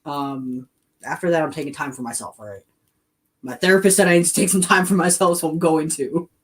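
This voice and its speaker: A woman's voice: sits low, fairly quick, slightly rough. A woman co-hosting a casual podcast, laughing often and trailing off into restarts as she talks with a friend. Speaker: podcast co-host and streamer.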